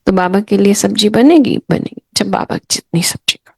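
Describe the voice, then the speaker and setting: A middle-aged woman sharing childhood memories with a gathering in an unhurried storytelling manner, acting out the voices of her elders and her younger self. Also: medium pitch, vocal fry, breathy edge, no echo. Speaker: spiritual speaker sharing memories.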